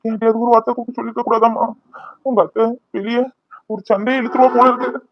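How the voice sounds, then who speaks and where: A man's voice: very high-pitched, level tone, fast, dry recording, lo-fi sound. A man voicing a worried older father-in-law. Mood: reproachful. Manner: pleading, worried and reproachful. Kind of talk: cartoon serial voice acting.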